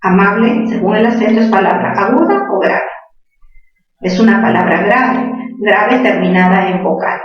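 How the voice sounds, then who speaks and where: A woman's voice: mid-range voice, expressive, normal speed, faint music behind. A woman teaching a spelling lesson to students, patiently asking questions and answering them herself. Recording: distant echoey classroom, dull sound.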